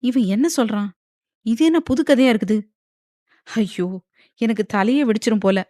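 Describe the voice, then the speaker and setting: A young wife in a romance audiobook, tearful and agitated, her voice pitched high and pushed loud, voiced by a woman narrator. The sound is close and dry. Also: moderate pace, dry recording, lightly acted. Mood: frantic. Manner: pleading, crying, agitated. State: crying. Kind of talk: audiobook character voice.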